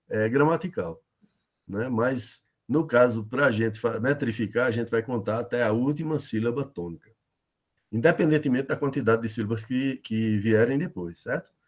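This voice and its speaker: A middle-aged man with a Brazilian Northeastern accent, teaching an online lesson on poetic meter and checking in with his students often. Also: medium pitch. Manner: explanatory, many fillers and checks like "né?" and "beleza?".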